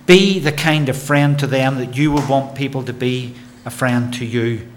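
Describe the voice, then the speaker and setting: Brief: male pastor, mid-pitched, earnest exhortation from the pulpit, stumbles into phrases. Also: normal speed, slight background noise. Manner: earnest, exhorting, repeats words when starting phrases. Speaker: minister. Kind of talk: sermon.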